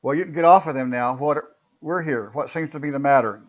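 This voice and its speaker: A man voicing a stern, suspicious male police officer, speaking gruffly and impatiently. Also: on the high side, fairly quick, dull audio, close to an everyday voice.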